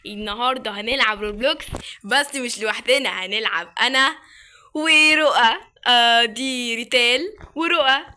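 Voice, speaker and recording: A young woman with an Egyptian Arabic accent giving casual, excitable commentary while playing a game with friends. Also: fairly high pitch, a little fast. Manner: excitable, exclaiming and reacting loudly. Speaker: gaming channel host.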